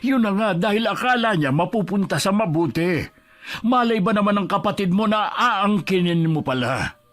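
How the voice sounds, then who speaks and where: A man's voice: high-pitched, lively intonation, normal speed, fairly bright tone, soft background music. An actor playing a stern older father who firmly scolds his daughter for taking her sister's money. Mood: reproachful.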